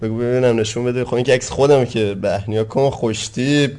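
A man's voice: medium pitch, a little mellow. Teasing young man joking around. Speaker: co-host. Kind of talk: comic casual banter.

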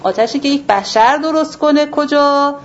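Woman religion teacher lecturing a class, slightly high voice, rhetorical questions, emphatic repetition, muffled recording. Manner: asks and answers her own rhetorical questions, repeats words for emphasis. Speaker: Quran teacher. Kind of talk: explanatory religious lesson to a class. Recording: dull lo-fi recording with faint background noise.

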